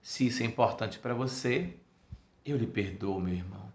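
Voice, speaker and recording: A man voicing a casual, warm-hearted older brother with a Bahian accent and relaxed, slangy speech. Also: on the low side, normal speed, natural voice. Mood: moved. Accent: Bahian Portuguese. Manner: relaxed and colloquial, local slang. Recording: echoey room, muffled sound.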